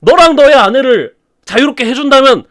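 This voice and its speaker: A sneering dark lord, cruel and mocking, who taunts his captive with loud roaring laughter, as a man puts him on. His voice sits high and swings widely, bursting into shouts in a storytelling video. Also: expressive, fairly quick.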